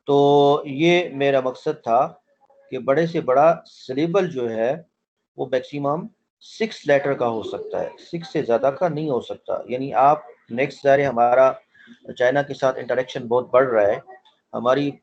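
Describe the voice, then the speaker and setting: A man's voice: mid-range voice, darkish tone. Man teaching over lo-fi online audio. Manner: repeats points patiently, quizzes students. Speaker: language teacher. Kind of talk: online class lecture. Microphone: online call audio.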